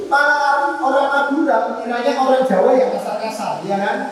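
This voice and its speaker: An animated man gives a classroom lesson, breaking into small acted exchanges between nurse and patient. His voice reaches the camera from across the room, and a long reverb hangs on every phrase. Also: very high voice, normal speed. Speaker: student teacher. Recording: echoey classroom from far off.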